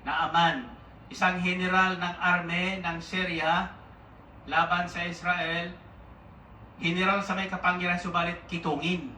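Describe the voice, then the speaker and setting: Male preacher, animated sermon; bright tone, distant in a roomy hall. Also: sits high, a little slow, long pauses, a little hiss or hum. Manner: animated storytelling, calls for audience response. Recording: echoey hall, distant mic, faint ambience.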